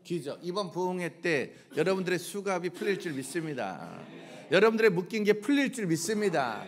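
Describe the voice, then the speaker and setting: A man preaching a lively revival sermon as a guest preacher, quizzing the congregation with call-and-response questions and breaking into shouts. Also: sits high, a little fast.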